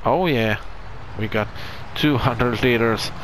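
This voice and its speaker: A man from Finland takes it slowly in a mid-range voice, commenting casually on farming gameplay for his gaming channel. English isn't his first language, so his Finnish accent shows and he searches for words. There's noise in the background.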